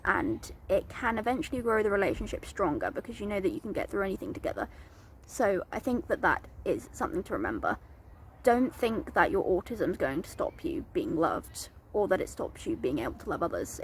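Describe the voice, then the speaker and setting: A woman's voice: medium pitch, a little hiss or hum. A woman talking earnestly and plainly to camera in a vlog, explaining things step by step with some fillers. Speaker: advocate vlogger.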